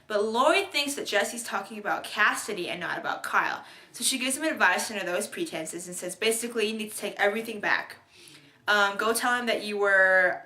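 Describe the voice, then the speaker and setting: A woman's voice: medium pitch, sharp tone. A young woman chatting casually as she recaps a TV episode, bubbly and rambling, with many fillers and restarts. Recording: echoey room.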